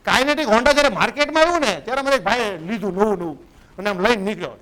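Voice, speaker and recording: A man with a high, very fast, slightly bright voice gives a business coach's lecture over a rough recording. His manner is conversational, and he keeps checking in with listeners by asking "right?"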